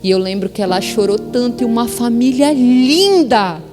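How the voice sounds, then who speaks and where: A woman's voice: on the high side, normal speed. Brazilian lady preaching her testimony, big reverby church hall, music playing under. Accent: Brazilian Portuguese. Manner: animated storytelling, acting out dialogue. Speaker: pastor's wife preaching. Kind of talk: testimony sermon.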